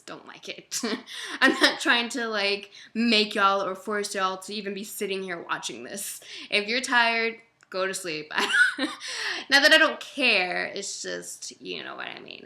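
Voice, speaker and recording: Bright chatty young woman on a livestream. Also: a little high. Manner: chatty and self-deprecating, laughs often; uses "y'all" and loose fillers. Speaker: vlogger answering viewer questions. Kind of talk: casual livestream chat.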